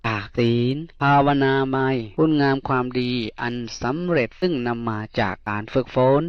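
A middle-aged man, a Buddhist monk with an Isan accent, preaches a dharma sermon in a folksy storytelling way, repeating key words. His pitch sits in an ordinary middle range. The recording is dry and a little dull. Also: expressive, normal speed, no echo. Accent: Isan Thai. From Northeast Thailand.

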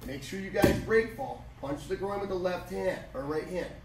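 A man's voice: sits high, expressive, normal speed, vocal fry. A middle-aged man giving instruction to martial arts students, emphatic and repeating his key phrases. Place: large matted martial arts gym, indoors. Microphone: camera several metres away. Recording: echoey hall, distant mic, background noise.

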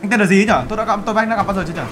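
A man's voice: high voice, steady tone, rapid-fire, fairly bright tone, slight background noise. A man role-playing a boastful overseas-company boss in a game, brash and teasing. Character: boastful male overseas-Vietnamese CEO. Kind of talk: game role-play banter.

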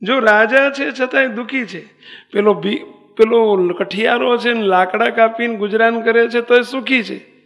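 A man's voice: very high-pitched, normal speed, fairly bright tone. A male swami giving a sermon, telling a parable and asking the audience rhetorical questions, in a temple hall. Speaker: swami preaching. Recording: long reverb of a temple hall.

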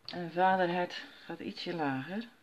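A woman's voice: lowish voice, measured pace, lo-fi sound. Chatty woman talking through a craft. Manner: chatty, talks herself through each step. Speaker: crafter demonstrating stamping. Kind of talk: casual crafting tutorial. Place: at home while her children sleep.

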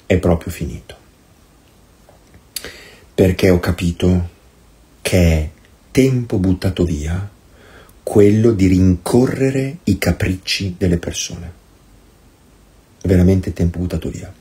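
A man's voice: deep voice, slow pace, pauses often, warm tone. A man giving a priest's meditation in an impassioned, sarcastic and emphatic way. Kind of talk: recorded meditation, sermon-like.

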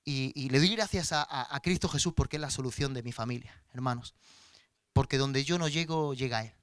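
A man's voice: mid-range voice, brisk, no echo. A middle-aged man, a pastor preaching a sermon and telling personal family stories to his congregation with passion. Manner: personal, impassioned storytelling addressed to the congregation; animated, acts out voices in anecdotes.

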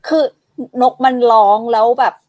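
A woman's voice: normal speed, a little mellow, no room sound. Hesitant woman reminiscing, dry sound. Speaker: podcast co-host. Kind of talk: casual chat.

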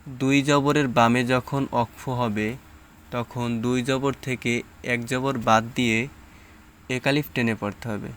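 Very slow, even-voiced man teaching recitation. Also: mid-range voice, a little hiss or hum. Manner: explains rules, then sounds out letters and syllables one at a time. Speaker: Quran reading teacher. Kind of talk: slow step-by-step recitation lesson.

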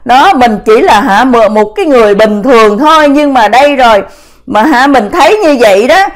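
A woman talks to her viewers in a loose, rambling way, with a fairly high voice. She strings her thoughts together with many fillers and keeps turning to address her audience directly. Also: expressive, moderate pace. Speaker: spiritual vlogger. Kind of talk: casual spiritual talk to viewers.

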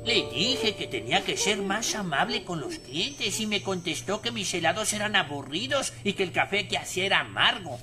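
Bright, animated older shopkeeper, Latin American accent. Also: medium pitch, moderate pace, hardly any pauses, faint music behind. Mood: reminiscing, aggrieved. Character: kindly aggrieved older shopkeeper man, wistful, talkative. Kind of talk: Latin American cartoon dub.

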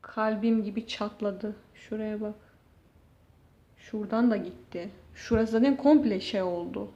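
A woman's voice: medium pitch, fairly even intonation, unhurried, dark tone. A woman YouTuber venting in a casual vlog, exasperated and swearing as she shows damage to her room. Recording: dull, echoey room sound.

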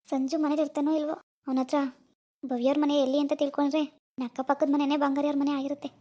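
Caring cartoon schoolboy, put on by a woman: high voice pushed lower, quick, concerned. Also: little pitch movement, warm tone, natural voice. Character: caring teenage schoolboy boyfriend. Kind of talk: cartoon voice acting.

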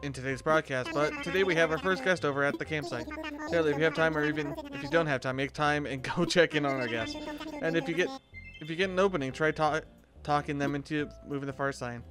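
A man's voice: on the high side, quick pace, music in the background, lightly acted. A man reading aloud the lines of a polite, businesslike male raccoon dog shopkeeper from a video game. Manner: read aloud from game text.

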